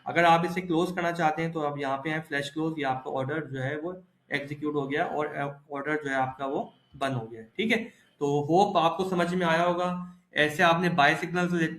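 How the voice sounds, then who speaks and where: A man's voice: fairly high pitch, fairly even intonation, normal speed, fairly bright tone. Explanatory man. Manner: explanatory, repeats "theek hai" often. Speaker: crypto trading instructor. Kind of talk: screen-recorded tutorial walkthrough. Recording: roomy echo.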